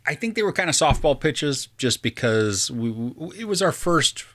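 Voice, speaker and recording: Laid-back male podcast co-host, expressive pitch, casual. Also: normal speed. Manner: laid-back, chuckles often. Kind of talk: casual chat.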